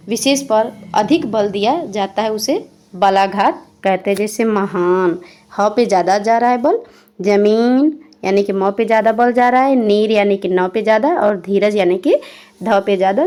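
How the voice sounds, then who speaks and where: A woman's voice: medium pitch, darkish tone. A young woman teaching a Hindi grammar lesson for exam prep, reading each definition and then explaining it again in plain words. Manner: spells out examples one by one.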